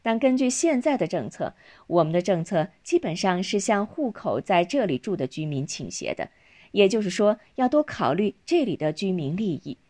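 A polite female official explains the rules calmly, in a woman narrator's reading. Her voice moves up and down with lively intonation. It is told as a spoken storybook. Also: mid-range voice, moderate pace.

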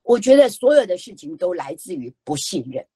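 An older woman from Taiwan with a Taiwanese Mandarin accent, giving a lively, folksy lecture as a storytelling educator, full of emphatic rhetorical questions. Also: fairly low pitch, a little fast, breathy edge, dry recording.

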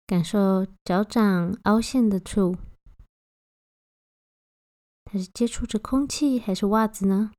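语速缓慢、音色柔和的女性冥想引导. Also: female voice, mid-range voice, no room sound, studio quality. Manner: gentle, unhurried instructing with long pauses. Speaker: meditation guide. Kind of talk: guided body-scan meditation.

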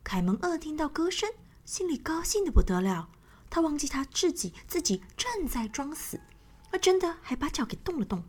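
A woman's voice: high voice, sing-song, moderate pace, a little mellow. A woman narrating a children's story in a sing-song manner, speaking to young listeners. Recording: faint background music.

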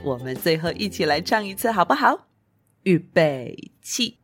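A woman telling an interactive story as if reading to a toddler, with playful questions, sound effects and drawn-out words. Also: fairly low pitch, big pitch swings. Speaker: children's storyteller. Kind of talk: interactive storytelling for small children. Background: children's music.

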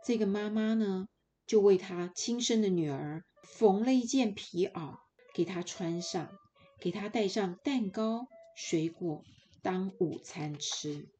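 A woman narrating a fairy tale for children, expressive and playful, speaking directly to young listeners. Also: medium pitch, takes it slowly, soft background music. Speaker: children's storyteller.

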